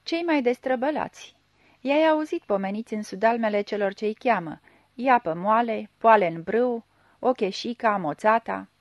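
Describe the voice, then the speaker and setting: An urgent, guilt-ridden young man, as a woman puts him on in an audiobook reading, pleading in loud outbursts. His voice rises higher than the reader's own. The sound is dry and close. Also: no room sound, highs cut off, natural voice. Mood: confiding.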